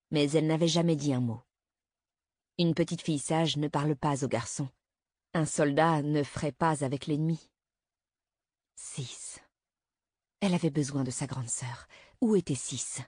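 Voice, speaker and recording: Female narrator, low husky voice, measured dramatic reading. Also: darkish tone, dry recording, studio quality. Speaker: audiobook narrator. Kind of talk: scripted narration.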